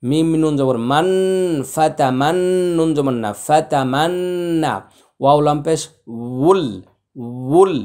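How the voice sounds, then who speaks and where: A man teaching Quran recitation, spelling out letters slowly and chanting verses with long drawn-out vowels. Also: on the high side, a little mellow. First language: Bengali.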